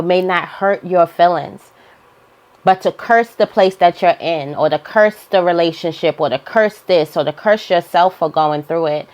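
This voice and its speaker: Lower-voiced woman giving spiritual pep talk. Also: highs cut off. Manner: emphatic, repeats phrases for emphasis. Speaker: spiritual guidance host. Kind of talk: informal motivational spiritual monologue.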